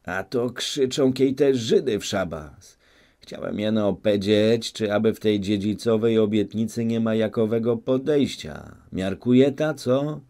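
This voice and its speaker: Man doing a gruff suspicious old peasant. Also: lowish voice, a little slow, dark tone, pitched above the performer's own voice. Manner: gruff, scolding.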